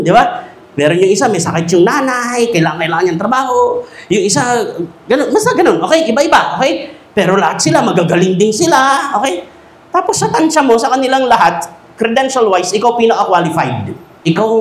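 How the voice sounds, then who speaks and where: A man giving a humorous, animated talk to teachers in a school hall. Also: sits high. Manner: animated, joking, acts out quoted voices. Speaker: speaker at a teachers' seminar. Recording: echoey hall.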